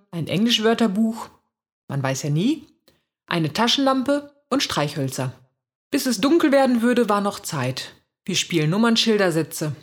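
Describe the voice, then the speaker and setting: A woman reading a first-person children's story aloud in a lively, expressive way, with a husky voice. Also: mid-range voice. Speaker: reader.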